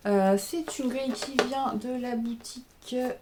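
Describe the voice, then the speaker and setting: The background is noisy, and the woman speaks unhurriedly in a fairly high voice. She is a tired knitting pattern designer and podcaster in her thirties, casually chatting on her crafting video podcast as she shows her work to the camera, hesitating and using many fillers.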